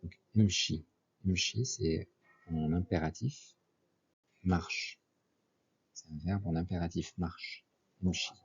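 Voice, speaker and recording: A man's voice: sits low, fairly even intonation, takes it slowly, pauses often, husky. A man teaching an Arabic lesson, spelling out letters and repeating each example word twice before explaining it. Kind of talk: slow methodical language lesson. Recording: dull lo-fi recording.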